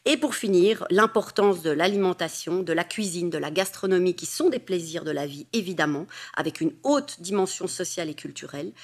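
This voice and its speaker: Woman presenting at a seminar. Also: medium pitch. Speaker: expert presenter.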